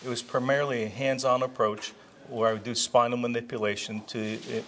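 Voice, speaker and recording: A man in his sixties, born in Israel and raised in New Jersey, answering interview questions in an unhurried way with many pauses and restarts. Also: mid-range voice, flat delivery, a bit bright, a little hiss or hum. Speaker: interviewee, retired chiropractor.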